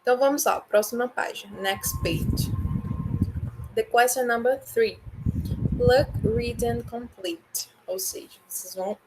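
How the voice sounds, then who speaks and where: A woman's voice: a little high, unhurried, background noise. A woman with a Brazilian Portuguese accent, an English teacher giving an online class, patiently explaining step by step and often checking in with the students.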